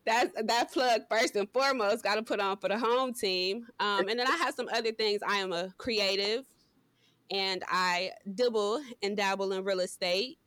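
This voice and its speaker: A woman's voice: mid-range voice, normal speed, a bit bright, clean tone, no echo. A woman in her thirties from Cleveland, a podcast guest who talks in a laid-back way and laughs easily. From Cleveland, Ohio. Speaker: guest, entrepreneur and mom. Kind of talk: casual podcast interview.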